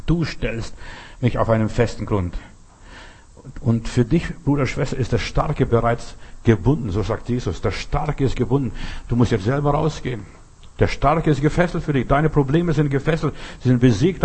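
A man's voice: medium pitch, darkish tone, breathy edge. A man preaching a sermon, speaking earnestly to his listeners, addressing each one directly and repeating key phrases for emphasis.

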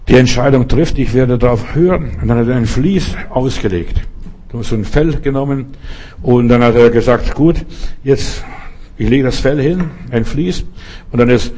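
A man's voice: medium pitch, warm tone. A man preaching a sermon in an earnest, direct way, speaking straight to each listener.

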